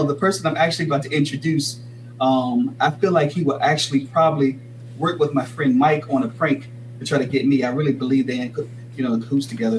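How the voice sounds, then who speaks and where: A man hosting a casual talk show, excitable and rambling, laughing often and a little out of breath. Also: a little high, slight background noise, poor audio. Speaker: host. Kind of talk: casual chat.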